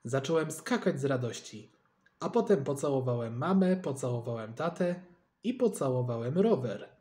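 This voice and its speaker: A man reading a children's storybook aloud in a lively, expressive way, narrating in a child's first person. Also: medium pitch, moderate pace.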